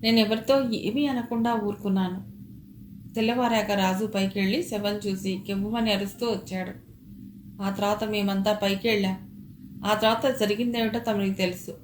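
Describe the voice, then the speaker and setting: Woman voicing a frightened male servant, hesitant, halting, audio novel, roomy echo. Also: mid-range voice, steady tone, a little hiss or hum, lightly acted. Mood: fearful.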